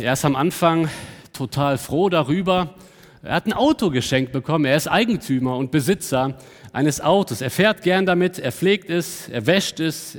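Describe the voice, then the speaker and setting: A fairly high-voiced man delivers a sermon with emphasis, stretching out key words and letting his voice sink at the close of each point. His voice rings through a church hall with a long reverb. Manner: emphatic, slows down on key words, drops low at ends of points. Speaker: pastor.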